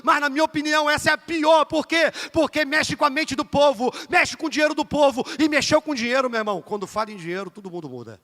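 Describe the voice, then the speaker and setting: A man with a Rio de Janeiro accent preaching an evangelical sermon in a church. He is emphatic, swinging between loud bursts and low asides, and calls his listeners dear brother and asks them for amens. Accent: Rio de Janeiro Portuguese. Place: church sanctuary. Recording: reverberant church hall.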